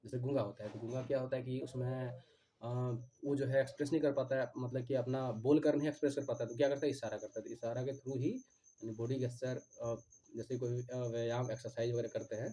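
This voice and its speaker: Man lecturing, dark voice. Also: mid-range voice, fairly even intonation, a little hiss or hum. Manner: repeats key terms slowly, often adds "theek hai". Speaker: teacher. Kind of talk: exam-prep lecture mixing Hindi and English.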